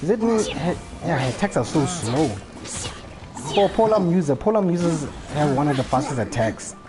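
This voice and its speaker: With game music and sound effects blaring in the background, a man comments casually on his live stream gameplay, cursing a little as he thinks aloud. His voice is on the high side, with lively intonation and normal speed.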